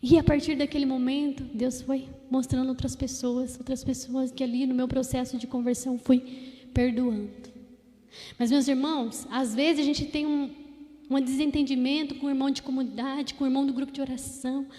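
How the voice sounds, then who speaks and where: A woman's voice: high-pitched, level tone, fairly quick, warm tone, big-room sound. A woman with a Brazilian Portuguese accent, giving a heartfelt personal testimony as a lay preacher at a prayer group and speaking straight to the congregation. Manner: fervent, heartfelt, speaks directly to the congregation with frequent tag questions.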